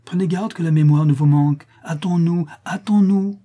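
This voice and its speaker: A man's voice: mid-range voice, normal speed, dark tone, breathy edge, lightly acted. A man voicing a fervent, greedy young male disciple of an alchemist, in an imploring, feverish manner. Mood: eager. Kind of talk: audiobook character reading.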